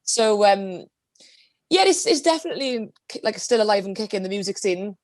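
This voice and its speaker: A woman's voice: medium pitch, expressive, moderate pace, no room sound. Young woman with a Welsh Valleys accent. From Wales, the Valleys. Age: 20s. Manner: informal, anecdotal storytelling. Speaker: guest, DJ. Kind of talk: casual interview chat. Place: small indoor room at home, video call.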